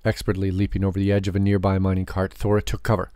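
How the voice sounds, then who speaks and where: A man reading his own fantasy adventure story aloud, with measured, expressive storytelling. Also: low voice, dry recording, clean studio sound. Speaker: author and narrator. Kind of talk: scripted storybook narration.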